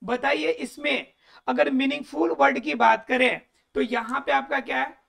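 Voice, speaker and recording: Woman grammar teacher, high and gravelly, self-answering questions, repeats key words. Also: steady tone, normal speed, fairly bright tone. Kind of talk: explanatory lesson.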